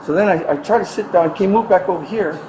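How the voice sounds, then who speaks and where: A man's voice: high-pitched, fast. A man calling in a complaint, retelling a dispute in an aggrieved, rambling way, recorded on a body camera in a facility lobby. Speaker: caller reporting a complaint. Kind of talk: heated complaint to an officer. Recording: body camera, noisy ambience.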